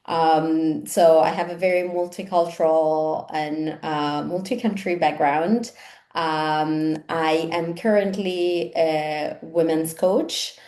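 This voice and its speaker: A woman's voice: low-pitched, steady tone, slow pace, darkish tone. A woman from Italy, a coach chatting casually as an interview guest and peppering her talk with "like". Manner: chatty, frequent "like" fillers. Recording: roomy echo.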